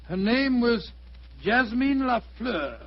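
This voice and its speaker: An actor playing a genial, bumbling elderly British doctor telling stories with avuncular bluster in a 1940s radio drama. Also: male voice, very high-pitched, big pitch swings, takes it slowly, full character voice. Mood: fond reminiscing. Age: older. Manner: blustery, hesitant, avuncular storytelling. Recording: dull vintage 1940s radio recording.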